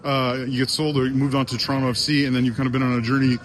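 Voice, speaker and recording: A man's voice: mid-range voice, flat delivery, racing, slight background noise. A man interviewing a footballer, asking long rambling questions. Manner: rambling multi-part questions. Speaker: sideline interviewer.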